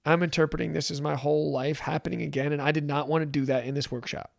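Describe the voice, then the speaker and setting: A man's voice: a little high, fast talker, creaky. A man telling a personal story in a candid, emotional chat, with many restarts. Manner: animated, emotional, many restarts and acted quotes. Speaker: podcast guest.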